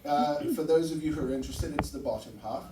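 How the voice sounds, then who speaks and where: A man from Barbados doing a stand-up set, animated and swearing, with sudden loud outbursts. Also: a little high, fast talker. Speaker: stand-up comedian. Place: comedy room with laughing audience. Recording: roomy echo, mic heard from a distance, noisy.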